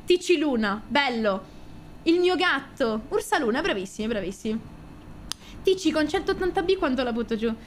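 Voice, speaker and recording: Young Italian woman streamer, excitable and loud when thrilled, high and animated voice. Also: moderate pace, slight background noise. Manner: excitable, squeals and shouts at pulls, swears often. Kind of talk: casual card-opening stream chat.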